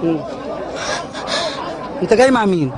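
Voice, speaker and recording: A man's voice: sits high, very animated, moderate pace. A man with an Egyptian accent working as a reporter, doing an on-the-spot interview and prompting with short questions. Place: outside a large stadium. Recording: outdoor crowd noise behind. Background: crowd and urban outdoor noise.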